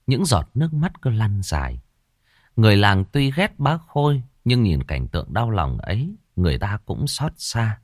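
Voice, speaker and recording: A man's voice: lowish voice, dry recording, clean studio sound. A man reading a scripted audiobook story in a dramatic storytelling manner, shifting into character voices.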